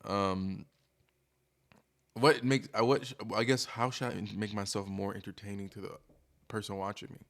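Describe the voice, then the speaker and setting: A man's voice: lowish voice, level tone, normal speed, long pauses, fairly bright tone. A man streamer talking casually and candidly in a rambling, hesitant, self-deprecating monologue, as if thinking aloud.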